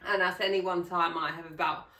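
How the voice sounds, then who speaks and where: A woman's voice: lowish voice, steady tone, fairly quick, sharp tone. A middle-aged woman from Finland, chatting casually about her knitting as a podcast host, rambling a little with frequent ums and self-corrections. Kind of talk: casual chat. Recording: roomy echo, mic at a distance.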